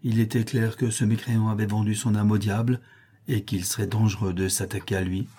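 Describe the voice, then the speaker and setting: Guy reading a classic novel out loud, lowish voice, kinda husky, calm steady pace. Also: brisk. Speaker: audiobook narrator. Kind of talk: scripted narration of a classic novel.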